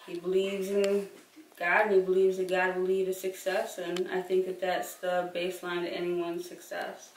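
Earnest lower-voiced woman, roomy sound. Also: monotone, a little hiss or hum. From Michigan. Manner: earnest, praising, measured. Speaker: player's mother. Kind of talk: interview. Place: living room, on a sofa. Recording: roomy, distant mic.

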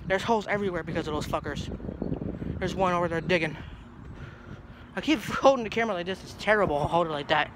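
Fast and high-pitched with frequent pauses, a young New Jersey man in his twenties vlogs into a phone held low at arm's length amid background noise. He stands outside by a brick house in a grassy yard, chatting casually and losing his thread easily.

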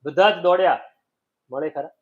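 Male preacher, high-pitched, animated storyteller doing voices, tinny lo-fi audio. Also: normal speed. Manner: acts out voices and sounds in a story. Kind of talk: devotional sermon with storytelling. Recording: tinny phone-like sound.

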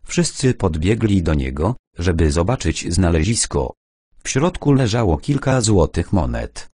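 A man's voice: low-pitched, very animated, a little slow, dark tone, breathy edge, no echo. A man reading an adventure audiobook aloud, narrating the story and voicing its characters lightly.

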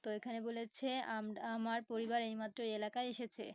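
Slow, patient woman teacher spelling words. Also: on the high side, flat delivery, a little mellow, clear, resonant tone, dry recording, rough recording. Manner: spells words letter by letter, slow explanations with many fillers. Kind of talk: online lesson explaining a textbook.

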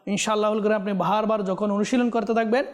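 A man teaching Quran pronunciation on a TV lesson, explaining quickly and then chanting verses slowly and drawn out. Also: high voice, steady tone, in a large hall.

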